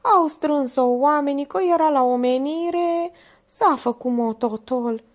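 A woman voicing a panicky, talkative, easily frightened woman who exclaims in a shrill, breathless way. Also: lightly acted. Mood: gossipy.

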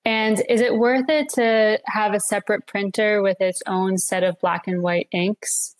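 A woman's voice: medium pitch, steady tone, measured pace. Woman moderator reading questions. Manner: brief, polite questions. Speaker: webinar moderator.

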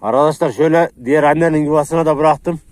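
A man's voice: on the high side, fast. Man vlogging outdoors in snow. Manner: talks to dogs in a soothing coaxing voice; shouts excitedly while running. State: cold, hands freezing. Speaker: vlogger feeding stray dogs. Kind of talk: casual vlog talk to viewers. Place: outdoors in snowy countryside.

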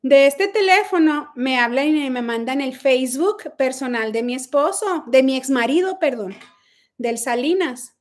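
A woman's voice: high-pitched, expressive, a little slow. A middle-aged woman with a Mexican accent, hosting a casual livestream chat by phone, brash and profane, mocking her critics. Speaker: livestream host.

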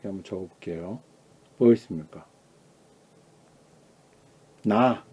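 A man teaching Chinese pronunciation in a lecture, asking the class questions and answering them himself, calling out each sound loudly and high before dropping to a quiet aside. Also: slow, slightly rough.

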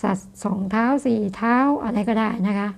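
A woman astrologer talking her way through a horoscope reading in a loose, repetitive monologue, softening her sentences with polite particles. Her voice sits a little high and carries a steady gravelly fry. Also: moderate pace. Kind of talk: fortune-telling monologue.

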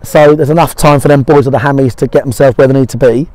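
On an empty football pitch near a small stand, a middle-aged manager gives a casual post-match chat in a mid-range, slightly mellow voice. He talks fast with fairly even intonation, bluntly and matily repeating short phrases, in a dry recording.

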